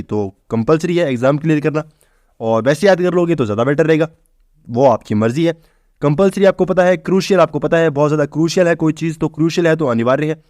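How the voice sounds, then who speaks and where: Man, vocabulary teacher, informal, asks and answers himself, slightly high voice. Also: a little mellow, no echo, clean studio sound. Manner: explains step by step, asks and answers own questions; informal, addresses students as bhai. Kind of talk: exam-prep vocabulary lesson.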